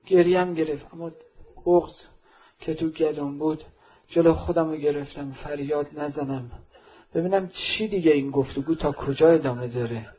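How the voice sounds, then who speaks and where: A fairly high, husky male preacher tells a sacred story at a mourning gathering. His delivery swings between hushed narration and loud, impassioned outbursts. The recording sounds dull and lo-fi. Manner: swells from quiet narration to loud impassioned calls. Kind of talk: emotional religious storytelling sermon.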